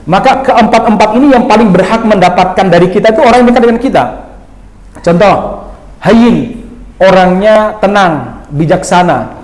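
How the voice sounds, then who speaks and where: A man giving a dawn sermon in a lively, teasing way, asking his audience questions. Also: sits high, reverberant, rough recording. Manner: slips into Javanese phrases. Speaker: preacher.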